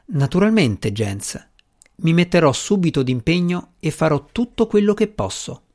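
A man voicing a calm, evasive male government official who speaks in a smooth, polite, measured way. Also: a little high.

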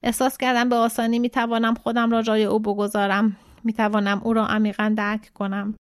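A woman translator who reads a literary novel aloud in a calm, measured voice. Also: on the high side, no room sound, clean studio sound. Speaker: translator and reader. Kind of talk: literary audiobook narration.

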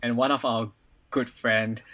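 A man in his twenties with a Singaporean accent guests on a podcast for a casual personal chat, his medium-pitched voice bright and forceful, fairly even and a little slow. He hesitates frequently, dropping in "like" and "you know".

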